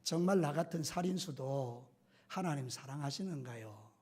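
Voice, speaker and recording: A man voicing a remorseful condemned male prisoner who speaks in a hushed, pleading way. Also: extremely high pitch, fast, pitched above the performer's own voice. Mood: tearful.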